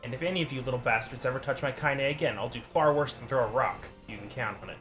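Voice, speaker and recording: A man reading aloud and voicing a vulgar, fierce old grandmother with a rough, rustic way of talking. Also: medium pitch, fairly even intonation, moderate pace, fairly bright tone, faint music behind, close to an everyday voice.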